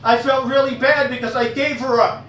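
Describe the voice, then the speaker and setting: A man's voice: extremely high pitch, steady tone, moderate pace, fairly bright tone, slight background noise. A man doing live stand-up in a werewolf persona, telling crude punchline jokes, working the crowd and laughing at his own gags. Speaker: stand-up comedian. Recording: echoey room heard from a distance.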